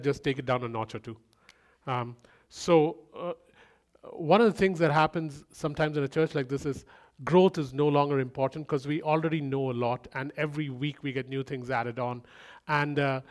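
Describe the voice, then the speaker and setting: This is a sermon from a man whose voice runs fairly high, and his delivery feels casual, like conversation. Along the way he adds bits of humor and layers his points with repeated phrases.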